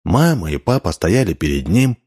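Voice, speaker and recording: A man reading a children's holiday story aloud in an animated storytelling manner. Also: low-pitched, moderate pace, breathy edge. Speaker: narrator.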